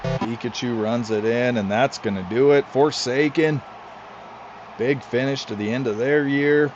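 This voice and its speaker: A man calls the action in a casual, excitable play-by-play style, breaking off for chatty asides to his co-hosts. He takes his time with each phrase. The recording is a little muffled, with music playing clearly underneath. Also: mid-range voice, measured pace. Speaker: league commentator.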